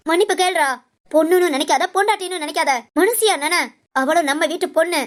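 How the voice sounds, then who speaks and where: Cartoon drama: woman voicing a forceful scolding aunt, shrill and fast. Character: stern middle-aged aunt and mother-in-law. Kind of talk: animated family drama voice acting.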